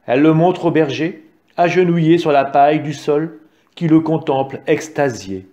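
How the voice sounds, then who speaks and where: A man narrating a story with a calm, measured reading. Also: on the high side, lo-fi sound.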